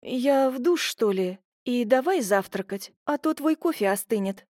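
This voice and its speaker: A woman voicing a shy, flustered young woman in an audiobook, raising her voice higher. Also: expressive, measured pace, a little mellow, no room sound, studio quality. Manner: bashful and nervous.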